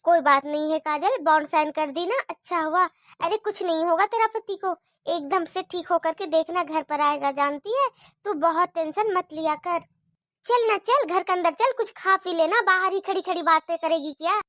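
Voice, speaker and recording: A woman's voice: very high-pitched, moderate pace, a bit bright, no echo, clean studio sound. A woman voicing a kindly, bossy employer woman in a cartoon story, soothing and lightly scolding. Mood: reassuring.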